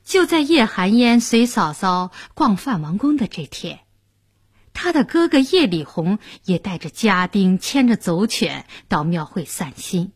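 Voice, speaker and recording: Husky woman storyteller with a lively voice. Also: mid-range voice, unhurried, no room sound, clean studio sound. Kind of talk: traditional storytelling narration.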